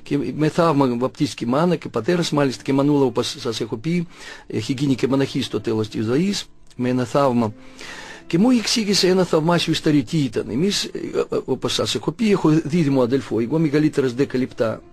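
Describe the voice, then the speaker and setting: An Orthodox archimandrite in his sixties, speaking with a Russian accent, shares a personal testimony. He halts, gropes for words, and often corrects himself, yet his mid-range, darkish, slightly rough voice stays animated.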